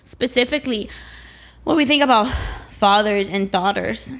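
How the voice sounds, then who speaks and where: A woman's voice: medium pitch, moderate pace, vocal fry, fairly bright tone. A woman hosting a faith-based podcast, speaking reflectively and thinking aloud with "you know" asides. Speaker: podcast host. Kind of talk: faith-centered conversation.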